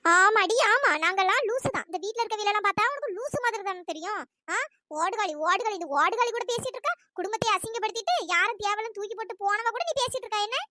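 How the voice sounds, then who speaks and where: A performer voicing a sharp-tongued older aunt in a cartoon story, nagging and accusing. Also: extremely high pitch, fast talker, no echo. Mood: scolding. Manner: nagging, accusing, shouting insults.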